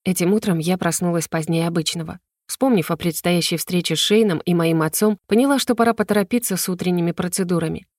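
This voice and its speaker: Woman reading a novel in first person, steady and even, very dry close sound. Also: on the low side, dry recording. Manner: even, measured storytelling. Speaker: audiobook narrator.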